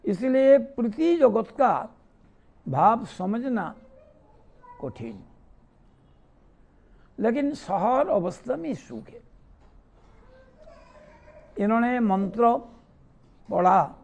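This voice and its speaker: A man's voice: very high voice, very animated, very slow, creaky, long pauses, darkish tone. A man giving a devotional discourse, telling scripture stories and asking questions he then answers himself. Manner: poses rhetorical questions and answers them himself. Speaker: spiritual teacher giving a discourse.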